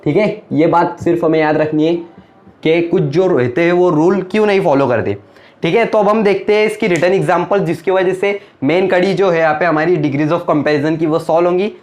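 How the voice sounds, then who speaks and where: A man's voice: a little high, moderate pace, a little mellow. Man teaching grammar in quiz-yourself style. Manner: asks questions and answers them himself. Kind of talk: whiteboard grammar lesson.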